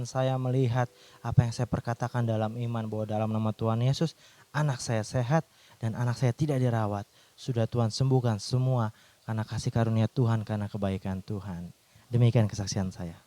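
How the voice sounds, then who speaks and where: A man's voice: mid-range voice, steady tone, a little fast, dark tone. A man, a doctor, telling a personal faith testimony in an earnest storytelling way, with restarts.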